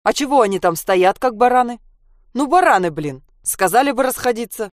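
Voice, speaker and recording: An indignant, grumbling man who complains loudly about the people around him, read by a woman. The voice is loud and a little raised. It is a read-aloud story with a dry sound. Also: fairly high pitch, animated, fairly quick, dry recording, voice pushed up, natural voice. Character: indignant man in fox fur hat.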